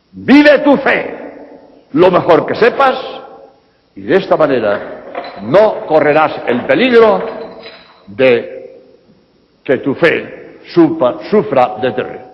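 A man from Spain with a Spanish accent, a priest answering audience questions bluntly with rhetorical questions. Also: fairly high pitch. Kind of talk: public lecture Q&A. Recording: reverberant hall, dull lo-fi sound.

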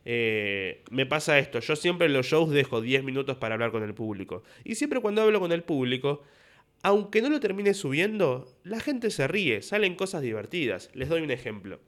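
Argentine comedian telling stories. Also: male voice, on the high side, big pitch swings, normal speed, fairly bright tone. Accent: Rioplatense Spanish. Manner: storytelling with acted-out dialogue. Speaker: stand-up comedian and podcast host. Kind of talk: casual podcast monologue.

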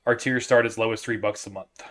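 A man hosting a casual movie podcast, joking with his co-host and reading shout-outs in an upbeat announcer voice. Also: fairly low pitch, fairly even intonation, a little fast.

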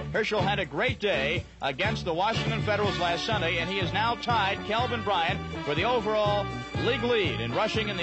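A man narrating scripted sports highlights as the presenter of a show, with music playing behind him.

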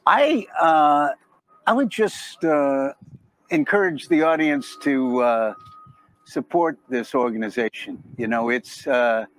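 An older American man, a retired naval officer as podcast guest, answering casually in a halting, measured, sincere way. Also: mid-range voice, fairly bright tone, low-quality recording.

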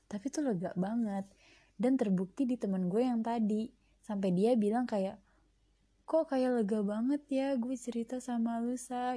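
A woman's voice: mid-range voice, mellow, dry recording. A young woman talking casually on her own at home, reflective and chatty with lots of fillers. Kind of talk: casual solo monologue. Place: home at night.

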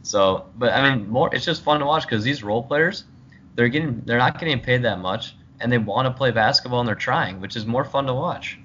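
A man's voice: medium pitch, brisk, fairly bright tone. A man co-hosting a sports podcast, speaking in a plain-spoken, candid way. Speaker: podcast co-host. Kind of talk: casual sports chat. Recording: dull lo-fi sound with faint noise.

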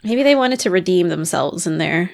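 A woman's voice: fairly low pitch, lively intonation, normal speed, gravelly. A woman co-hosting a podcast, chatting casually, teasing and laughing often. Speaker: podcast co-host. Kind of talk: casual chat.

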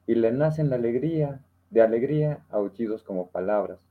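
A man's voice: medium pitch, lively intonation, brisk, phone-quality sound. A man, talking reflectively about a poem with many tag questions, then reciting it. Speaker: participant reading a poem. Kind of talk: casual literary discussion and poem recital.

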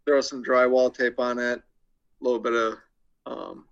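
A young man as a podcast guest, deadpan with crude jokes and hesitant with many ums. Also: mid-range voice, moderate pace, gravelly, smooth, lo-fi sound. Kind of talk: casual interview chat.

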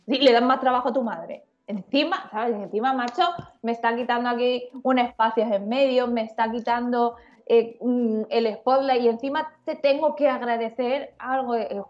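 A woman guest on a podcast interview, talking in an animated, slangy and frank way. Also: a little high, lo-fi sound. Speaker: guest illustrator. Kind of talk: conversational interview.

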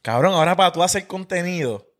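A man's voice: sits high, expressive, fast, fairly bright tone. A man with a Puerto Rican Spanish accent, asking questions and reacting in a casual chat. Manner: quizzing, reacts with short swears.

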